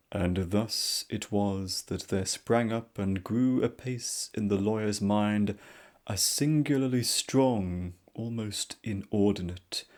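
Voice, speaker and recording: Man, fairly low-pitched, soft-spoken, slow and measured, narrating a classic story.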